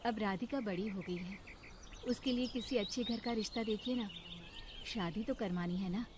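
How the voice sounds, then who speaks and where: A woman's voice: medium pitch, moderate pace, background noise, close to an everyday voice. A woman voicing a bitter middle-aged stepmother who taunts and complains in a cartoon story. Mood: taunting.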